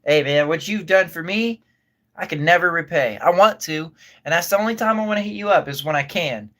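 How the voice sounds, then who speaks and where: A man's voice: fairly high pitch, a little fast, bright, forceful tone. A man hosting a livestream, chatting casually and rambling through viewer comments while he eats. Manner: rambling, laid-back, chuckles and trails off. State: eating while talking. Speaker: livestream host.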